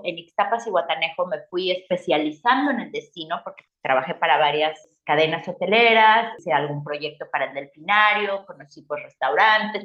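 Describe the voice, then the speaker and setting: A middle-aged woman with a Mexican accent tells her career story in a casual interview and acts out her own past reactions with lively voices. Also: fairly low pitch. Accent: Mexican Spanish. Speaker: guest. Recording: roomy, slightly dull sound.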